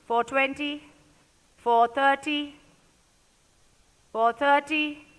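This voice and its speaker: A woman's voice: high voice, steady tone, very slow, fairly bright tone. A woman working as an auctioneer at a live event, calling out and repeating bids in short, clipped phrases. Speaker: auctioneer at a sports player auction. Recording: echoey large hall with long reverb.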